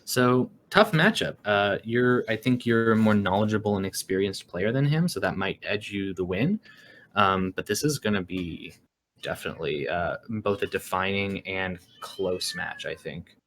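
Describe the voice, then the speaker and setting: Low-voiced man chatting, faint background noise. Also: moderate pace, a bit bright. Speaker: co-host. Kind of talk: casual analysis chat. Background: faint noise, cat meowing at times.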